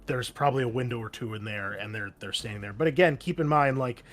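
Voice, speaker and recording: A man serving as game master for a tabletop game describes the scene in a relaxed, conversational way. His mid-range voice is fast and a bit bright, with faint music in the background.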